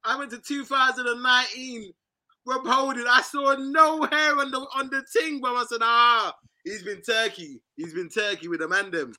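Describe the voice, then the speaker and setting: A high-voiced man with a London roadman accent hosts a football chat. His tone is very bright and forceful, and he talks in slangy, repetitive banter. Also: steady tone, moderate pace. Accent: London, urban street slang. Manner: slangy, repeats and cuts in. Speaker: football fan show host.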